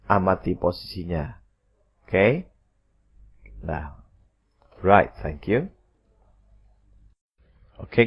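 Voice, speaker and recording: A man teaching an English lesson, repeating his instructions and slowly spelling out example phrases. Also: low voice, husky. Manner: slow, drawn-out model pronunciations of English phrases.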